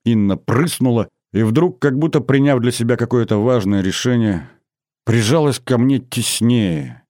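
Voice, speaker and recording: A man narrating an audiobook in a measured storytelling manner, livening up the dialogue. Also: mid-range voice, animated, mellow, dry recording, studio quality. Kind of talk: scripted narration.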